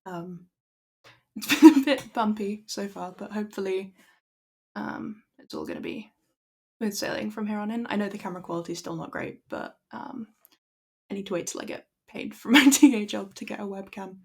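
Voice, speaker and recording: On a livestream, a young Irish woman with a croaky, mid-range voice chats casually with her viewers before reading a classic story aloud at a steady, measured pace.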